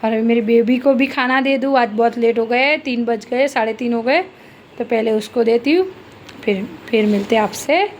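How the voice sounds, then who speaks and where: A woman's voice: fairly high pitch, moderate pace, a little hiss or hum. A woman narrating her day at home in a chatty family vlog, coaxing her pet now and then. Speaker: family vlogger.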